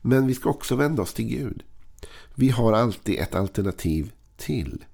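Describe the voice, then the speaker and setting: A middle-aged man giving an earnest, slow-paced daily devotional with occasional chuckles. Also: medium pitch, lively intonation, vocal fry, darkish tone, husky. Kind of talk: devotional talk.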